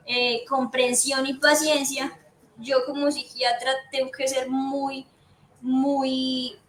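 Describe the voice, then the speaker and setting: A woman psychiatrist from Colombia, high-pitched and a bit bright, delivers an earnest explanatory talk to patients' families, going over her key points again. The recording comes from an echoey room with faint background noise.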